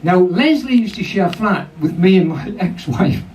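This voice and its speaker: The MC of a pub comedy night is an older man from North East England, rambling and swearing through crowd work and often laughing at his own jokes. His high voice keeps a moderate pace. A distant mic catches a lively crowd plus a little hiss or hum.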